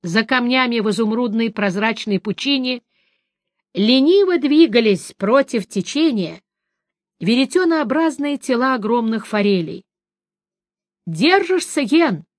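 A woman narrating a fantasy audiobook in a measured, dramatic reading. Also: fairly high pitch, expressive, no echo, clean studio sound. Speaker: audiobook reader.

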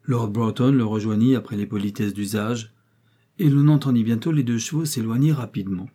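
A man reading a classic novel aloud as an audiobook narrator, in a measured storytelling manner. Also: medium pitch, warm tone, breathy edge. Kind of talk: scripted narration.

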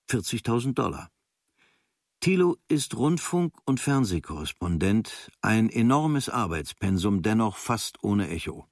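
Here an actor plays an observant writer recounting travels from a diary. His male voice is lowish and husky, delivering clipped, dryly observant phrases in studio-quality audio with no echo.

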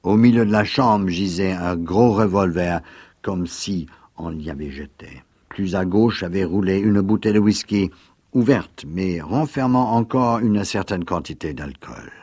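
A man narrating a classic detective story in a measured storytelling manner, dropping to a hush at times. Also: low-pitched, no echo. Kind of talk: literary reading.

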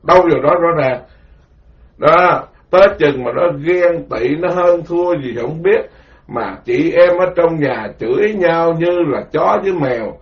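A man, a Buddhist monk, giving a rambling, animated dharma talk full of stories. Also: on the high side, measured pace. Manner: rambling, animated storytelling with quoted voices. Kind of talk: informal spoken sermon. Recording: dull lo-fi recording.

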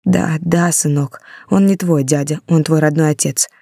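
A woman's voice: low-pitched, fairly even intonation, moderate pace, gravelly, mellow, husky, no room sound, clean studio sound, full character voice. A woman reading an audiobook, voicing a desperate mother in a pleading, tearful way.

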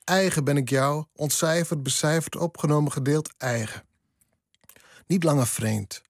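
A man whose first language is Frisian, a poet reading his own poem slowly and then talking about it in a radio studio interview. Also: a little high, dry recording. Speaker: poet, guest.

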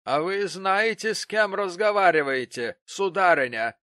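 Мужчина-чтец озвучивает насмешливую вспыльчивую пожилую сиделку, которая язвит и кричит. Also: male voice, high voice, expressive, measured pace, no echo, studio quality, pitched above the performer's own voice, full character voice. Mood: sneering. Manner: sneering, shouting. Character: mocking, bad-tempered old woman nurse.

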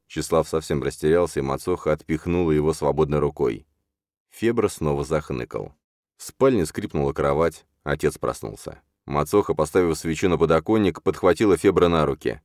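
Very deep-voiced male audiobook narrator. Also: a little fast, darkish tone, no room sound, clean studio sound. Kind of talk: scripted narration of a dark fantasy novel.

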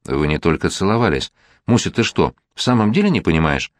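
A man reading the part of an exasperated middle-aged mother scolding her teenage daughter, stern and sharp-tongued. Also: low voice, sing-song, a little fast, no room sound. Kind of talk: audiobook character reading.

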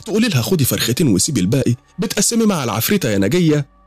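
A man's voice: a little high, very animated, very fast, slightly rough, soft background music, pitched above the performer's own voice. A man with an Egyptian accent voicing a chatty, joking middle-aged mother-in-law who talks in a raised voice. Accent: Egyptian Arabic.

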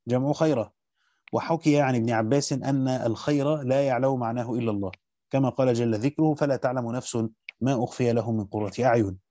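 A man reads a classical scripture commentary to his students at a brisk steady clip, slowing now and then to stress a word. His tone is mellow and dark, and the recording is dry and close. The sound is slightly dull, lo-fi. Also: mid-range voice, no room sound. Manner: rapid steady recitation, slows to stress key words. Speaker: teacher reading a Quran commentary aloud. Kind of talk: fast scholarly reading of a classical text with brief comments.

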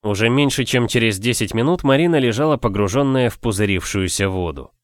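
A man reading an audiobook as its narrator, in an even, measured way. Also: medium pitch, no echo, studio quality. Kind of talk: scripted narration.

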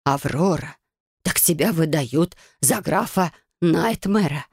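A reader voicing a caring, motherly older woman who speaks softly and slowly in a storybook reading. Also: medium pitch, expressive, vocal fry, husky, dry recording, studio quality, full character voice. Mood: worried.

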